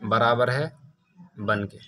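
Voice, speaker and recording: A man's voice: medium pitch, slow pace, pushed and bright. A man teaching a Quran reading lesson, who asks questions and answers them himself and chants syllables in repeated drills. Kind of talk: slow classroom-style lesson with call-and-answer drills.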